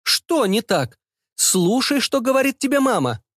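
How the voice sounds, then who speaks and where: A man's voice: very high voice, sing-song, measured pace, fairly bright tone, no room sound, studio quality, pitched above the performer's own voice, heavily acted. A man voicing a bossy, meddling middle-aged mother who scolds and fusses over her son. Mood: insistent. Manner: insistent, scolding, fussy.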